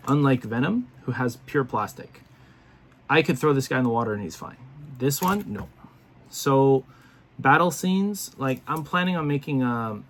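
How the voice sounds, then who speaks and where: A man in an easygoing talk-to-camera toy review, drifting from point to point with plenty of ums and restarts. He sounds a bit worn out and yawning, his voice sitting at an ordinary middle pitch. A faint hiss sits under the home recording. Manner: rambling, chatty, frequent fillers and restarts. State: tired, yawning. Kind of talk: casual talking-to-camera review.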